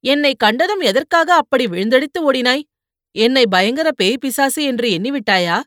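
A woman's voice: sits high, lively intonation, moderate pace, fairly bright tone, no room sound, studio quality. A woman voicing a vain, teasing young male warrior in playful banter, in an audiobook.

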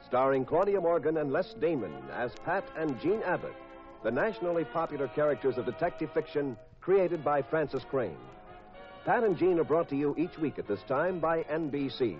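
Higher-pitched vintage American radio announcer, male. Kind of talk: 1950s radio announcing, scripted. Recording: muffled old radio recording with music.

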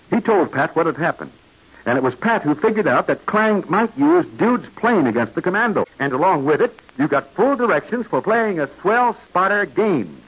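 A man announcing an old 1940s radio serial, pitching to kids in a hearty way. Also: a bit bright, breathy edge, low-quality recording.

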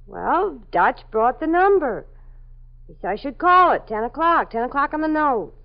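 An actress with a high, sing-song, creaky voice speaks at normal speed in an exaggerated manner, playing a frightened young woman under police questioning in a 1950s radio drama. Defensive and pleading, she ends up confessing, on a dull old broadcast recording.

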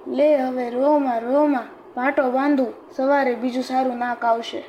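A woman voicing a scheming middle-aged Brahmin man in a storybook tale, speaking slowly and coaxingly. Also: high voice, steady tone, highs cut off, a little hiss or hum. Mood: mock-caring.

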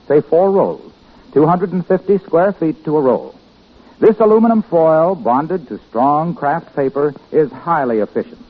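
A man reading sponsor announcements in a smooth, formal announcer manner, heard from an old radio transcription disc. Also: a little high. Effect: old radio transcription disc sound. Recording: tinny lo-fi old broadcast with music.

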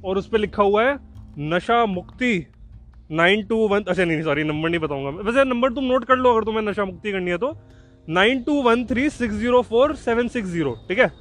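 A man's voice: sits high, expressive, fairly quick, fairly bright tone, faint music behind. A young man hosting a podcast, joking and rambling as he describes a car showroom outdoors, mixing Hindi with English. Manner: jokey, chatty, mixes Hindi with English. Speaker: podcast host. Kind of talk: rambling walk-and-talk commentary.

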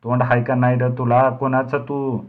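A man's voice: mid-range voice, little pitch movement, moderate pace, phone-quality sound, pitched above the performer's own voice, natural voice. Bandu, a man doing a hot-tempered village boy. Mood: threatening. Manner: shouting, menacing.

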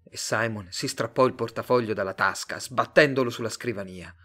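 Man reading a story aloud, steady and expressive, audiobook style. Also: fairly low pitch, brisk. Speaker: narrator. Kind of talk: audiobook narration.

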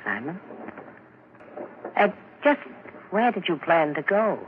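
An actor playing a small, quietly knowing stranger in an old radio drama, laconic and probing. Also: male voice, high voice, very animated, slow pace, heavily acted. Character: small dark male roadside stranger, quietly knowing, enigmatic. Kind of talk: 1940s radio drama acting. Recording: muffled, noisy vintage radio recording.

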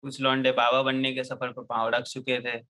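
A young man tells a comic hostel story among friends on a group chat show, lively and jokey, laughing often as he mixes into the conversation. His voice is mid-range and his pace normal.

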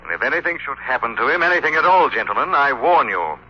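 The Shadow, looming and cold. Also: male voice, sing-song, pushed and bright, a little hiss or hum. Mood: menacing. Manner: slow, looming, drops low on key words. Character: invisible menacing male avenger, commanding and cold. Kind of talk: 1930s radio drama acting. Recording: muffled old radio broadcast.

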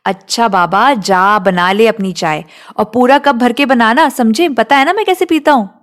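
Brief: a woman doing a tender father, soft and fond, voice pitched a bit high for a dad. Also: moderate pace, close to an everyday voice. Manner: soft, affectionate, brushing off worry. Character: loving middle-aged Indian father, gently reassuring.

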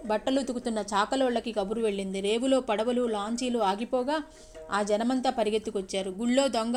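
A woman's voice: a little high, darkish tone. A woman telling a village story vividly, full of sound words, turning now and then to speak to her listeners. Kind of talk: story narration with asides to listeners.

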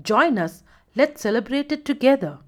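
A woman voicing a kind, gentle father who speaks encouragingly in a children's story. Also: on the high side, lively intonation, moderate pace, natural voice.

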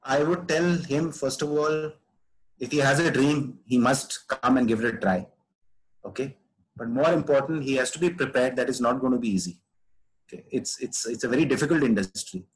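Male podcast guest, mid-pitched voice, conversational and earnest, leaning on repeated phrases for stress. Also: normal speed, poor audio.

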